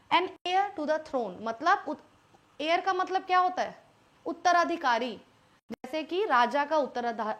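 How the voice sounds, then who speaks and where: High-voiced Indian woman teaching English. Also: a bit bright. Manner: explains step by step, quizzing students with frequent questions. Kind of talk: online class lecture.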